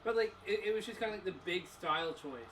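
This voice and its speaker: A gaming channel co-host rambles with confidence and lots of filler words while playing a wrestling video game. His high voice is fast and a bit bright, and the rough recording carries the game's arena crowd underneath.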